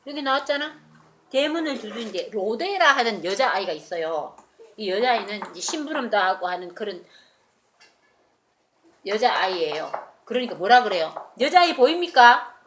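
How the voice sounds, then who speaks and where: A woman's voice: medium pitch, normal speed, noisy background. A woman telling a Bible story in a children's sermon and asking the children questions. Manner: animated, asks the children questions.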